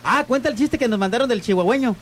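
A man's voice: very high voice, fast, slight background noise. A man co-hosting a morning radio show, playful and teasing. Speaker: radio co-host.

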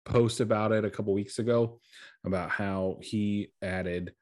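A man's voice: fairly low pitch, steady tone, unhurried, a little mellow. A man hosting a podcast, chatting casually and rambling with lots of fillers, sounding tired. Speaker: podcast host.

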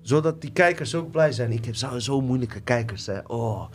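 A man's voice: medium pitch, normal speed. A man with a mid-range voice hosting a casual podcast, loose and slangy as he chats with his guest. He turns to address his viewers now and then. Faint music runs underneath. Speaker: podcast host.

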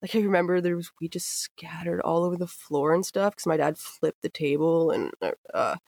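A young woman hosting a podcast tells a wild, animated anecdote packed with swearing and laughter in a casual storytelling chat. Her voice is on the low side and creaky at a moderate pace, recorded clean in a studio with no echo.

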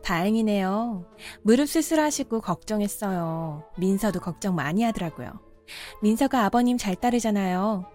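A woman's voice: mid-range voice, animated, normal speed, darkish tone, lightly acted. A woman voicing a respectful yet insistent daughter-in-law and mother, in a cartoon drama. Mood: polite. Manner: polite, respectful, growing insistent. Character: daughter-in-law, polite but firm mother. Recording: faint background music.

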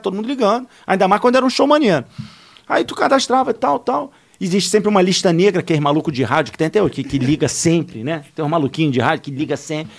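Carioca man, podcast guest, animated slangy storyteller, fast and gravelly. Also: sits high. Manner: animated, slangy, laughing through anecdotes. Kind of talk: casual storytelling.

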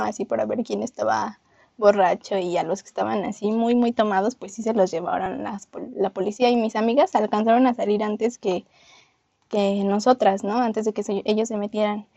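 A woman's voice: mid-range voice, normal speed, gravelly, no room sound, lo-fi sound. A woman with a Mexican accent, a podcast co-host telling a story in casual chat and acting out the voices of people she quotes. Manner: animated, acts out quoted voices.

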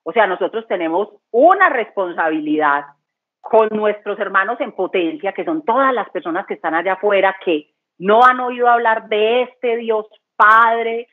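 Woman, church testimony, earnest and chatty, thin phone-like audio. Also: mid-range voice. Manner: earnest, conversational, repeats phrases for emphasis. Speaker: church speaker giving testimony. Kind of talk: testimony talk. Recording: tinny phone-line sound.

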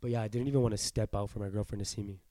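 A man's voice: lowish voice, fairly even intonation, rapid-fire, dark tone, no echo, clean studio sound. A young man co-hosting a podcast in casual chat, joking, trailing off and restarting, sick with a cough. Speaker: podcast co-host.

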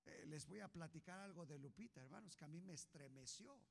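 Man, pastor, preaching, impassioned, hushed to shouting, long echo. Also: on the high side, lively intonation, brisk, vocal fry. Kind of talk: sermon. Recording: long hall reverb.

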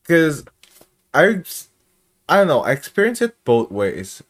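A man hosting a casual podcast, talking loosely and filling his sentences with "you know" and "like". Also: on the high side. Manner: slow and lively, lots of "you know" and "like". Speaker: podcast host.

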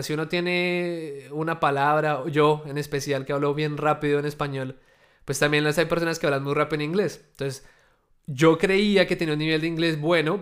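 A man's voice: fairly high pitch, fairly bright tone. Chatty man quizzing his viewers. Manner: addresses viewers directly with rhetorical questions; conversational, loose, with many fillers. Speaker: entrepreneur sharing his experience. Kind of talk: casual talk to camera.

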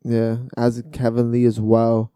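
A man's voice: mid-range voice, monotone, measured pace, warm tone, smooth, no echo. A young man co-hosting a podcast, talking in a loose, joking, trash-talking way. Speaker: podcast co-host. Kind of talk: casual chat.

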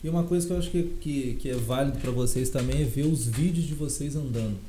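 A man's voice: mid-range voice, fast talker, mellow, a little hiss or hum. A man in his forties with a Rio de Janeiro state Brazilian Portuguese accent, hosting a casual, encouraging, slangy chat. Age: 40s. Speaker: host.

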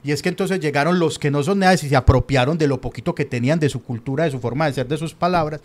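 A man's voice: a little high, fast talker. A young man with a Colombian paisa accent, co-hosting a casual chat, rambling and opinionated with lots of slang. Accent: Colombian paisa Spanish. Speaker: podcast co-host.

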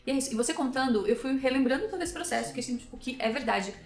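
Chatty Brazilian woman, bright-pitched podcaster. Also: very fast. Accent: Brazilian Portuguese. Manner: lively, chatty storyteller with many fillers. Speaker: podcast co-host. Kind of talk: podcast conversation. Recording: roomy echo, faint music behind.

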